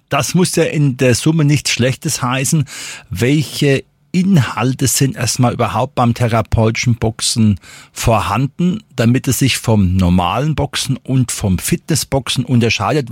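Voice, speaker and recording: A man hosting a podcast, interviewing a guest with formal, measured questions. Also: medium pitch, breathy edge, no room sound, studio quality.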